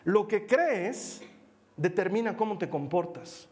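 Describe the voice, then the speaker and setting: A man preaching a sermon, telling a personal story in a lively way and acting out what people said. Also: sits high, slow. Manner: lively storytelling, acts out quotes.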